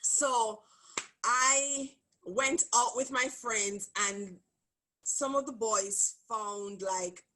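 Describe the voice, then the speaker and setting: A woman hosting a group sharing session, telling a funny story in an expressive way and laughing as she goes. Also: fairly high pitch, drawn-out words, slight background noise, poor audio. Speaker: host. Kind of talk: animated storytelling.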